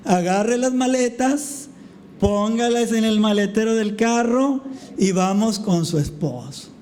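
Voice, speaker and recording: A man voicing an older pastor who speaks to his daughter and son-in-law in a gentle, fatherly, reassuring way. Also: sits high, takes it slowly, a little hiss or hum.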